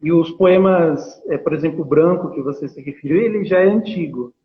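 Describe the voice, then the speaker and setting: A man with a Paulistano accent and a fairly high voice talks hesitantly, filling pauses and tagging questions. He comes through a tinny, phone-like video call line. The chat is relaxed and unscripted. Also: slight background noise. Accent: Paulistano Brazilian Portuguese. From São Paulo, Brazil. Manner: hesitant, many fillers and tag questions. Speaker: poet being interviewed. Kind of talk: casual interview over a video call.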